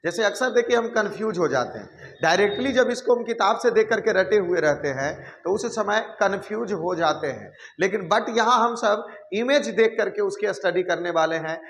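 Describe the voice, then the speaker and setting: A man's voice: high voice, expressive, normal speed, a bit bright, slight background noise. A man teaching Hindi grammar in a classroom lesson, asking questions and answering them himself and calling the viewer "babu". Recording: long hall reverb.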